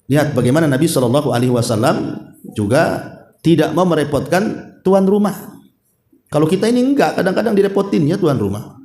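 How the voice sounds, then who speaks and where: A man preaching a religious study sermon, telling stories in a lively way and speaking to the women listening. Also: on the high side, brisk, pauses often, reverberant. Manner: storytelling, animated, addresses audience as "Bu". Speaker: Islamic preacher.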